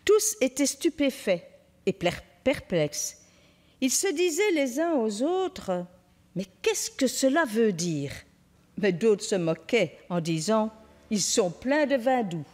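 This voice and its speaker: A woman giving an expressive, lively reading of scripture in church. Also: a little high, slow. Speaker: scripture reader. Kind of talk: Bible reading. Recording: distant, long church reverb.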